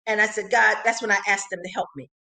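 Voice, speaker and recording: A woman's voice: mid-range voice, steady tone, fast, creaky, pushed and bright. An older woman, a psychologist, giving earnest advice as a podcast guest, stressing and repeating her key points. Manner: earnest, emphatic, repeats key phrases like a preacher. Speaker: psychologist and radio host, interview guest.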